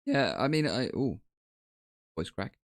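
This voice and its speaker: A man's voice: mid-range voice, very animated, slow, no room sound, studio quality. A man guesting on a live stream, easygoing and stumbling over his words. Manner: stammering restarts, easygoing. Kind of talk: casual chat.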